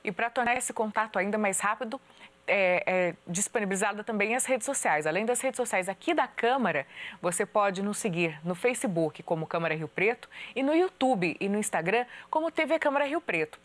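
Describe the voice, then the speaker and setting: A woman from interior São Paulo, hosting a TV interview and reading out contact information with a clear, practiced presenter delivery in a studio. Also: mid-range voice, lively intonation, a little fast. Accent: Brazilian Portuguese, São Paulo interior. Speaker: TV host. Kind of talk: TV interview and announcement. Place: TV studio of a city council.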